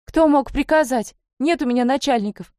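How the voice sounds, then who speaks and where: A woman's voice: high-pitched, fairly even intonation, normal speed, dark tone, dry recording, studio quality, voice pushed up, close to an everyday voice. A woman voicing a distraught, stubborn young lady who keeps repeating one desperate question.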